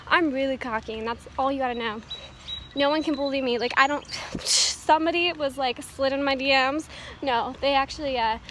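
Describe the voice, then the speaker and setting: Teen girl vlogger, high voice, chatty and crude, self-mocking, phone held out on a walk, faint street noise. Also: sharp tone. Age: teens. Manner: rambling, profane, self-mocking, frequent laughs. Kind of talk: casual walk-and-talk vlog. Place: outdoors on a town street. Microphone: phone at arm's length while walking. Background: faint street noise and a weed whacker.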